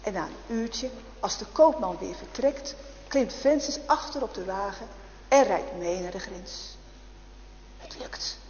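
Expressive woman storyteller in an echoey hall. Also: mid-range voice, unhurried, lo-fi sound, a little hiss or hum. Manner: expressive, addresses listeners directly. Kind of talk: lively storytelling.

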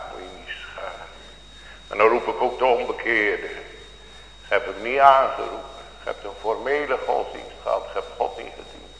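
A man's voice: on the low side, vocal fry, fairly bright tone. A male pastor preaching a sermon to his congregation with fervent, old-fashioned biblical phrasing. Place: church. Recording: echoey church hall with faint hum.

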